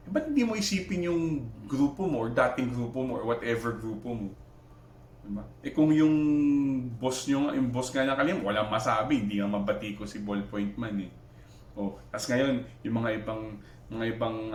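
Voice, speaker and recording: A Filipino-accented man of middling pitch argues his case in a vlog reaction, throwing out rhetorical questions and restarting his sentences often. His voice carries the echo of a bare room, with a faint hum underneath. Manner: argumentative, Taglish, rhetorical questions, many restarts. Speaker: vlogger reacting to another creator. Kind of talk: heated reaction commentary.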